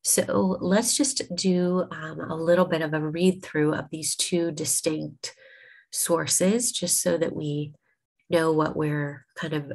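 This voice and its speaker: A woman rabbi teaching a class over a video call, sniffly from a cold. Her voice is low and gravelly, and her pitch stays flat. She speaks slowly and unhurriedly, with plenty of ums as she works through her points. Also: poor audio. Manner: unhurried, many ums and restarts.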